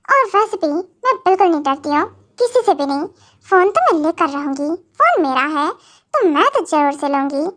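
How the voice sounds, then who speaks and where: A woman's voice: extremely high pitch, sing-song, moderate pace, a bit bright, full character voice. A woman voicing a stubborn, argumentative young woman in a fan audio drama. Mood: defiant. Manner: argumentative, insistent.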